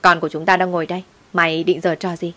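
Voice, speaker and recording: A woman voicing a loud, aggressive young woman who picks fights. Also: lowish voice, level tone, quick pace. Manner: shouting, aggressive.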